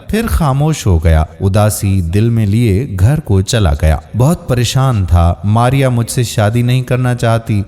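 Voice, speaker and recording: A man narrating an emotional story in a steady, earnest way. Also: mid-range voice. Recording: long reverb.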